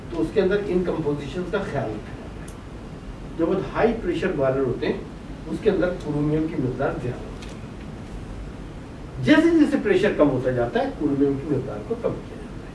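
An older man with a Pakistani Urdu accent lectures on boiler chemistry at a whiteboard in a brick-walled meeting room, talking through a face mask while writing and quizzing the class, then answering himself. His voice is high-pitched and a little mellow. A distant room mic captures him from far off, echoey and noisy.

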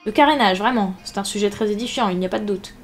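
A woman reading a novel aloud and putting on the voice of a loud, crafty one-legged male pirate innkeeper who talks in a booming, theatrical way. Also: fast, soft background music, close to an everyday voice. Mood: blustering.

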